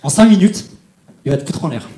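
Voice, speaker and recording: A young male stand-up comedian with a fairly high voice works a large theatre crowd, chatting directly with the audience in an animated, brisk way. The big room adds a roomy echo, and there's noise in the background.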